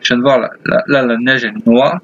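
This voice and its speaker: A man's voice: medium pitch, fairly even intonation, fast, fairly bright tone, breathy edge, muffled recording. A man hosting a gaming video with casual, rambling commentary. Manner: rambling, chatty. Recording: faint game ambience behind voice. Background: video game sounds.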